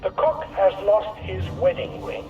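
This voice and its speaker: An actor playing a male camp announcer reading deadpan official notices over a loudspeaker. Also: high-pitched, measured pace, phone-quality sound, music in the background. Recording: echoey loudspeaker from far off.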